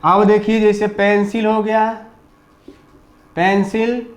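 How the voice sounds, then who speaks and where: A man with a Hindi accent teaches a classroom lesson and keeps asking his pupils the same questions over and over. His voice sits high and he talks in an unhurried, measured way. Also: little pitch movement. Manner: call-and-response drilling, repeats questions to pupils. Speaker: English grammar teacher.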